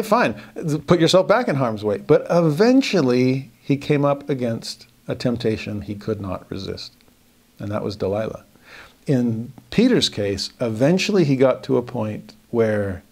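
A middle-aged man leads a verse-by-verse scripture lesson. He reads the quoted verses slowly, then shifts into lively asides that voice what the characters are thinking. His voice sits in an ordinary middle pitch for a man. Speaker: scripture teacher.

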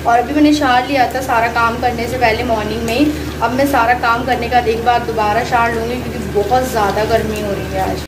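A woman's voice: on the high side, steady tone, fairly quick, background noise. A woman in her thirties chatting through a cooking vlog in her home kitchen, explaining each step as she goes while hot and sweating. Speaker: cooking vlogger. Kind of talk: casual cooking vlog chat.

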